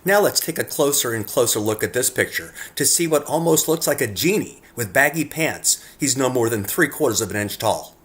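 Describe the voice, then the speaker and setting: Speaking straight to the viewer, a man earnestly reads scripted narration about photographs he took himself. He has a medium-pitched, expressive, fairly bright voice and moves at a moderate pace with hardly any pauses.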